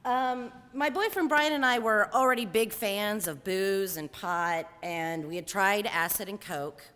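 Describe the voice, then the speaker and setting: A woman's voice: medium pitch, sharp tone, long reverb tail. Candid woman telling a wry personal story. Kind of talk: personal monologue on stage.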